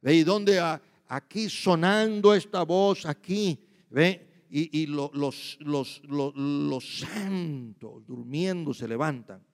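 A man's voice: fairly high pitch, slow pace. A man preaching a sermon in emphatic bursts, often repeating himself and checking with listeners. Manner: emphatic, shifts between loud and quiet. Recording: long hall reverb.

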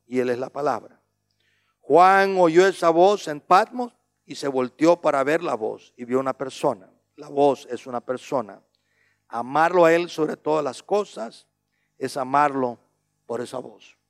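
A male preacher giving a sermon, who keeps asking "¿ve?", slows down on key words and swings between loud emphatic lines and quiet low asides. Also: creaky. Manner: repeats a questioning "¿ve?" between points.

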